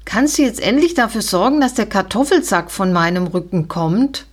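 A cheeky, stubborn pony grumbles bluntly and fast, as a woman reads it out. It is a storybook reading, the pony's gripes clipped and matter-of-fact. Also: lowish voice, expressive. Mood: grumpy. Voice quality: grumpy, blunt.

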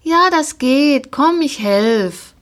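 An eager little girl who adores her pony, high and bright, as a woman puts her on. It is a storybook reading, her childlike voice lifted and lively. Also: very slow, heavily acted.

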